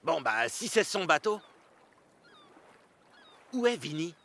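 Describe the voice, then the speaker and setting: A man's voice: fairly high pitch, big pitch swings, slow, pushed and bright, full character voice. An actor playing a cocky, goofy young beach-party guy, brash and slangy, in a French film dub.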